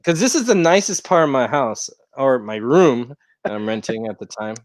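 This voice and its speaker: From a rented room at home, a young American livestream host rambles through a casual chat in an easygoing, slangy manner. He has a medium-pitched, expressive voice at a moderate pace, recorded with no echo.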